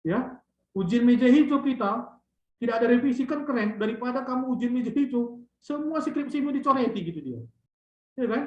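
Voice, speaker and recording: A man, a lecturer guiding students on their theses, who closes phrases with a drawn-out tag and teases. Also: very high voice, expressive, a little mellow. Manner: drawn-out "gitu dia" tags, teasing. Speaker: thesis supervisor lecturer. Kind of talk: online thesis guidance talk. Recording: echoey, dull lo-fi sound.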